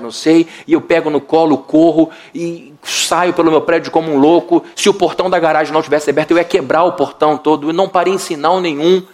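Brazilian pastor preaching, dramatic delivery. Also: male voice, a little high. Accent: Brazilian Portuguese. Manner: dramatic storytelling, acts out quotes. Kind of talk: sermon.

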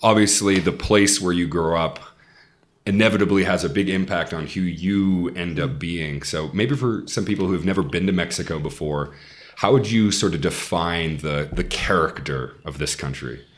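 A man hosting a podcast, asking measured, thoughtful interview questions. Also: low-pitched. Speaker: podcast host.

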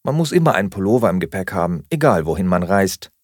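A man voicing a skeptical, sharp-tongued woman flatmate who questions everything in a dry, doubting manner. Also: deep voice, quick pace, dry recording.

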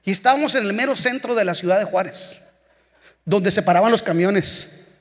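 A man's voice: sits high, moderate pace. A man with a Mexican Spanish accent, an evangelist preaching a humorous, storytelling sermon. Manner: storytelling, humorous, singing snippets. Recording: long church hall reverb.

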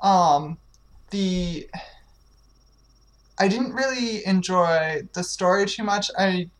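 A woman chatting casually as a podcast co-host, relaxed and measured, with frequent murmured agreement. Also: fairly low pitch. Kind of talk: casual chat.

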